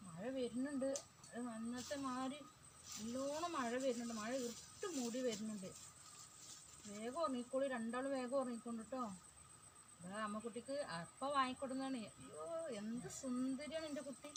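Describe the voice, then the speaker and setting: High-voiced woman coaxing her dolls. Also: normal speed, rough recording. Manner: fond, coaxing, motherly chatter. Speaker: vlogger. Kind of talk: pretend play, mothering dolls. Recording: clear background noise.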